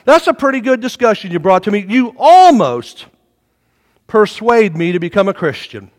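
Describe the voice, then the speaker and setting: A man's voice: high voice, big pitch swings, normal speed. A man voicing a skeptical ancient king who casually brushes off an argument. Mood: amused. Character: skeptical ancient male king, amused and dismissive. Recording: reverberant hall.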